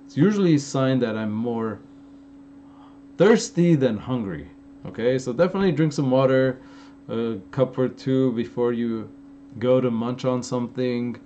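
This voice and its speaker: A young Los Angeles man with an Armenian-tinged American accent speaks in a mid-range, dark-toned voice at a moderate pace. He rambles loosely through live chat questions on a casual stream Q&A, full of fillers and restarts. The lo-fi stream audio sounds slightly dull, with faint noise.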